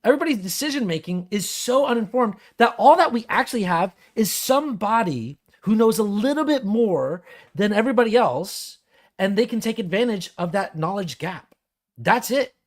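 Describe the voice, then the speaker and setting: A man on a podcast, arguing loudly and passionately, his voice clipping and distorting the mic. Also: high voice, moderate pace. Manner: animated, gets loud and passionate when arguing. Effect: clipping, distorted mic from yelling too close. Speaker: podcast co-host. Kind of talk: casual podcast chat.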